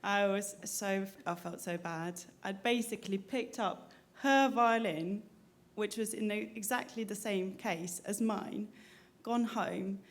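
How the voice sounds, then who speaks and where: Woman violinist, stage patter, storytelling manner, middle-pitched voice, stage mic. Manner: chatty storytelling. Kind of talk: live stage patter between pieces. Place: stage on a cruise ship.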